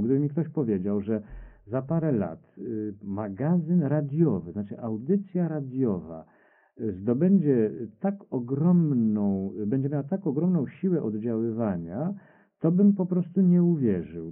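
A man talking about his radio cabaret show in front of an audience, rambling and hesitant, often correcting himself. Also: on the low side. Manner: rambling, hesitant, self-correcting, reads quotes aloud. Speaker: radio cabaret creator answering questions. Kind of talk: unscripted public talk with audience questions. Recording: tinny lo-fi archive radio recording.

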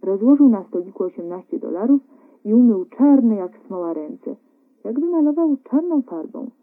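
A woman calmly reading a story aloud as narrator, measured and even, on a narrow phone-like radio recording. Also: on the high side.

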